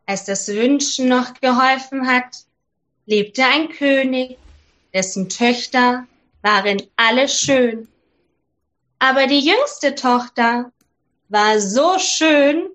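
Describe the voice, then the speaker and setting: A woman reading a fairy tale aloud to children, gently and clearly. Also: sits high. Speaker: storyteller for children.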